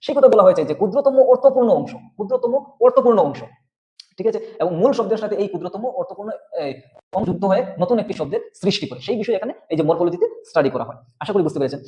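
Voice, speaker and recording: A man's voice: sits high, expressive, very fast, darkish tone. A male teacher giving an exam-prep lecture, explaining step by step and often checking in with the listener. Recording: dull lo-fi audio.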